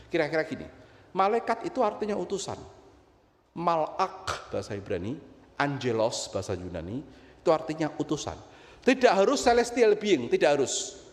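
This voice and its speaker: A middle-aged man from Indonesia, a pastor telling a personal story in a sermon, dropping to quiet low asides and rising to loud high outbursts. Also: huge pitch swings, normal speed. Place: church hall. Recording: roomy church hall with long reverb.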